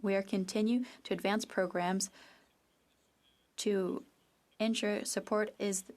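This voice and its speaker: A woman with a mid-range voice works as a simultaneous interpreter of parliamentary debate. Her delivery is measured and neutral, and her phrasing comes unevenly as she follows the speaker. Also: medium pitch, steady tone, a little mellow.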